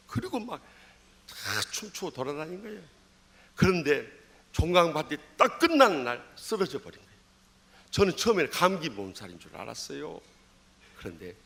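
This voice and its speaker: Jeolla-accented pastor in his sixties, animated storytelling sermon, rather high voice. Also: creaky. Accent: Jeolla Korean. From Jeolla, Korea. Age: 60s. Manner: storytelling with dramatic swings in pitch and loudness. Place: church sanctuary.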